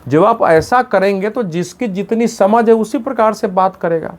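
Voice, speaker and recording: Emphatic middle-aged male political commentator. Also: moderate pace. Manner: emphatic, mimics slogans with rising pitch; frequent self-corrections mid-word. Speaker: senior journalist commentator.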